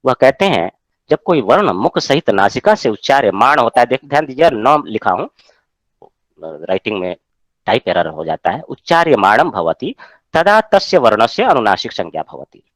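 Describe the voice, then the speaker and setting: A male teacher holds a Sanskrit class over a video call, his pitch rising and falling animatedly as he explains. He keeps pausing to ask whether everyone has understood. The sound is close and dry. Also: sing-song, no room sound. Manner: explains patiently, checks with students often. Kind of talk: online class lecture.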